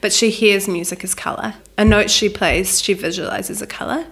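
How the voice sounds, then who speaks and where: A young New Zealand woman with a Kiwi accent, a wedding photographer, chats casually in an interview at home in her flat. Her medium-pitched voice is steady, a bit bright and moderately paced, and she laughs easily and says "like" a lot.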